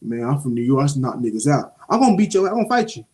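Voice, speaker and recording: A young man, co-hosting a casual show review and telling stories in an animated, streetwise way, swearing freely. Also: medium pitch, very fast. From Jacksonville, Florida (Duval). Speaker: podcast co-host.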